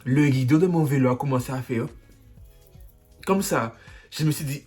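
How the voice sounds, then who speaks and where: A man vlogger telling a story, animated and dramatic with sound effects. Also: medium pitch, moderate pace, faint music behind. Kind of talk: storytime vlog.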